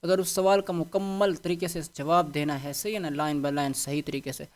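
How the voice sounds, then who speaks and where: A man with a fairly high voice teaching a vocabulary lesson. He repeats words, spells them out letter by letter, and checks in with the class after every item. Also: fairly even intonation. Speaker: English teacher.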